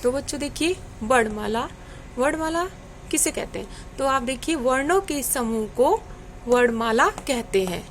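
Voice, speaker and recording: A woman teacher gives a children's Hindi grammar lesson in a high, clear voice. She goes slowly and patiently, repeating each point and asking her pupils questions. Faint background noise sits under the recording. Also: lively intonation.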